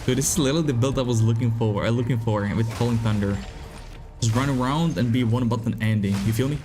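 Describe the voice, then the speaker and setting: Fast-talking in a mid-range voice with music playing behind him, a young Czech-accented game streamer chats laid-back with his viewers. He swears freely and reads messages from chat out loud.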